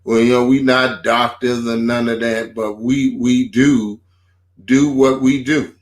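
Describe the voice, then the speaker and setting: A man co-hosting a faith talk show, speaking informally and building his points slowly with repeated phrases, in a casual preaching tone. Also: medium pitch, little pitch movement.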